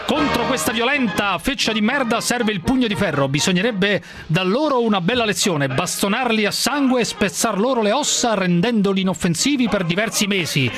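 A man's voice: high-pitched, lively intonation, brisk. A male radio host reading a listener's message aloud as a pompous announcer of an old newsreel, in a solemn, declaiming tone. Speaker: radio talk show host.

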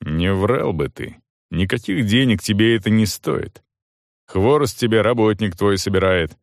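A man's voice: lowish voice, expressive, unhurried, no room sound, clean studio sound. A man voicing a blunt, commanding wounded soldier who speaks curtly. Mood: stern. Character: gruff wounded male soldier, stern master.

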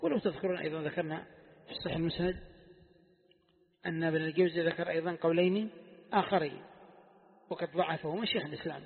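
A man in the role of sheikh teaches a classical text, questioning students and repeating key phrases at a rapid-fire pace with frequent pauses. His fairly high voice holds a steady tone and is husky with vocal fry. It was captured in an echoey hall with a tinny, phone-like sound.

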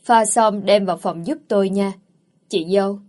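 A man's voice: high-pitched, steady tone, moderate pace, a little mellow, close to an everyday voice. A woman reading the part of a sly young man who teases and gloats, in a lazy, taunting way. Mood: teasing. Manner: lazy, teasing.

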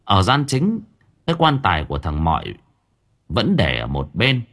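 Deep, husky male audiobook narrator. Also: wildly swooping pitch, normal speed, a bit bright. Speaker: story narrator. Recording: narration over faint background music.

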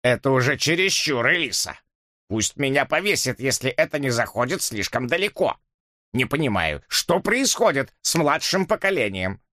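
A man's voice: medium pitch, sing-song, normal speed, pushed and bright, no echo, studio quality, voice pushed up. Guy doing a huffy proper old gent, pompous and offended, storybook voice. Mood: indignant. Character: stiff, indignant older gentleman, bony and proper.

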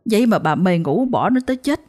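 A woman's voice: mid-range voice, expressive, brisk, darkish tone, natural voice. Woman doing a bitter accusing ghost. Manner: scolding, accusatory.

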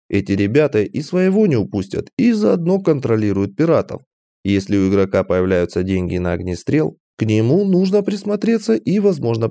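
A man's voice: medium pitch, mellow, dry recording. A man reading an audiobook, voicing a brash young woman player who bluntly explains and bosses others around. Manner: blunt, lecturing, impatient.

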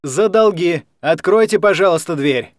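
A man's voice: high-pitched, expressive, moderate pace, no echo, studio quality, voice pushed up. A man voicing a formal, officious female bailiff speaking through a door, in a read-aloud story.

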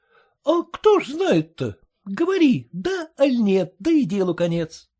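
A man's voice: extremely high pitch, big pitch swings, a little slow, a little mellow, voice pushed up, full character voice. A man voicing a brash young farmhand who teases and bargains cheekily. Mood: teasing. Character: cocky young male farmhand, brash and mocking.

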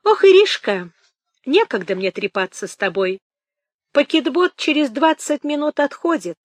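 A hearty, teasing boatman, as a woman reading the story puts him on in a storybook reading. He jokes loudly and snorts as he laughs, his voice swinging up and down with lively pitch. The sound is close and dry. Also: moderate pace, dry recording. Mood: hurried, jocular. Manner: boisterous, bantering, snorting with laughter. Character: jovial middle-aged male boatman, loud and teasing.

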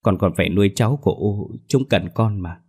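A terrified village woman in a spoken ghost story, as a male narrator puts her on. She shrieks and begs in a high, strained voice, loud and full of panic. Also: a little fast, slightly rough. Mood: pleading. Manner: shrieking and begging, raised high voice. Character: distraught middle-aged village woman, fearful, pleading.

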